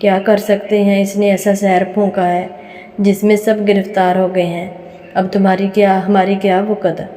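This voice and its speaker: A jealous young dancing girl gossips bitterly about a rival, voiced by a woman storyteller. The tone is mellow and almost monotone. A roomy reverb trails each line. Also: mid-range voice, normal speed, natural voice. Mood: resentful. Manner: gossipy, whispering complaints. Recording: reverberant room.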